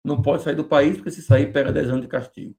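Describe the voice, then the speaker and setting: A man with a Brazilian Portuguese accent answering immigration questions on a live podcast, measured and deliberate, often restarting words. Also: on the high side, fairly even intonation, creaky, mellow.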